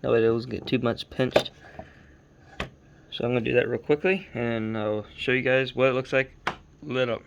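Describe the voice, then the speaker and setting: A man's voice: medium pitch, fairly even intonation, normal speed, vocal fry, long pauses, muffled recording, slight background noise. Sleepy, rambling hobbyist man. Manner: rambling, easygoing, self-correcting. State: sleepy, late at night. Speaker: RC hobby vlogger. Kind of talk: casual build update vlog.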